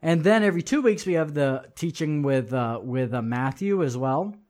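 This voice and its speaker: A man with a voice pitched a little above the usual leads a lesson, reading passages aloud and breaking off to comment on them. He talks emphatically and often repeats a phrase for stress, turning to address his listeners directly. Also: expressive, normal speed, darkish tone. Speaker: religious teacher.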